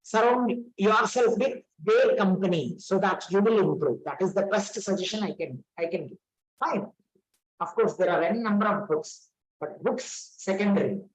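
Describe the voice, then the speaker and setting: A woman's voice: mid-range voice, animated, moderate pace, slightly rough, poor audio. A woman giving a training lecture on communication skills, repeating her points and checking in with rhetorical questions.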